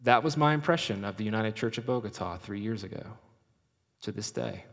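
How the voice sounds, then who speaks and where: A male pastor preaching a sermon in a church, slow and dramatic, dropping to a hush and then rising for emphasis. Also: fairly low pitch, vocal fry. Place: church sanctuary. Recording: long reverb of a large hall.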